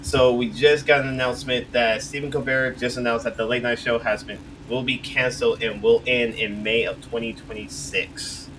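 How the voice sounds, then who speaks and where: A man's voice: medium pitch, fairly even intonation, moderate pace, hardly any pauses. A man co-hosting a casual podcast, sharing news in an easygoing way with loose, filler-heavy phrasing. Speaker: podcast co-host. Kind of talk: casual chat, reading news. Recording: distant mic with clear background noise.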